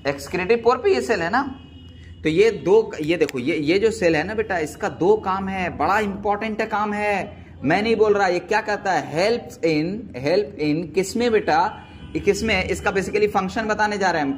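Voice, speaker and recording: A man's voice: sits high, a little slow. A man teaching biology, quizzing his students with repeated questions and calling them "beta.". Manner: calls students "beta" affectionately. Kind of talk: classroom lecture.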